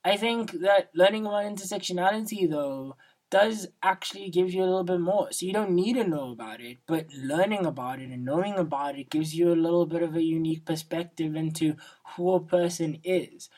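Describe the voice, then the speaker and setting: A young man hosts a solo podcast, talking casually and reflectively in slangy, informal speech full of "like" and agreement-seeking "right?". His voice is feminine-sounding rather than a deep baritone, brisk and a little mellow. The recording is low quality.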